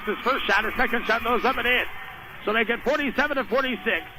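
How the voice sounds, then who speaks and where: An American man calls a basketball game live on radio, his voice extremely high, fast, pushed and bright. He describes the action in clipped, running phrases, and the gym broadcast is noisy.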